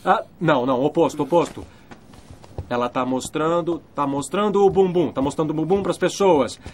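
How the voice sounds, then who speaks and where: A man dubbing an earnest young groom in a film, guessing quickly and excitedly. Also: fairly high pitch, slight background noise, lightly acted. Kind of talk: dubbed film acting.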